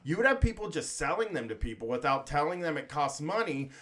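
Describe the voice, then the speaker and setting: A man with a somewhat high voice in a loose podcast chat. He rambles, laughs easily and reads listener comments aloud. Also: sing-song, a little fast, a bit bright. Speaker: podcast co-host. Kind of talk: casual chat.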